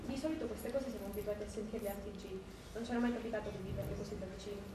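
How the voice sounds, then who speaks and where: A young woman, a student, reading a prepared answer in an earnest, measured way. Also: medium pitch, steady tone. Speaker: student interviewee. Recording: roomy with background noise and distant mic.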